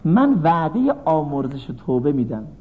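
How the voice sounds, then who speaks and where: A sly tempter devil coaxes and persuades, talking quickly and a little lower, as a preacher acts him out. He sounds scheming and sure of his trick. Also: very animated, narrow, tinny audio. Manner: coaxing, persuasive. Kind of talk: sermon storytelling.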